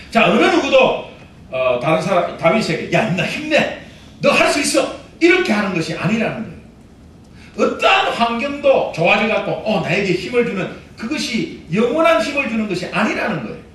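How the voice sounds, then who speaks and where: A male pastor preaching a sermon to a congregation, animated and acting out pep talks to himself, recorded in a church sanctuary. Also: sits high, slight background noise. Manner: animated preaching, acts out self-talk, calls out to the congregation. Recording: echoey church hall, mic at a distance.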